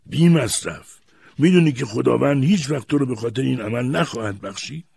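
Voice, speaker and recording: A man playing a shrill, jeering old grandfather. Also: animated, darkish tone, dry recording, clean studio sound. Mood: outraged. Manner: shrill, jeering, drawn-out outbursts. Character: mocking, quick-tempered old grandfather.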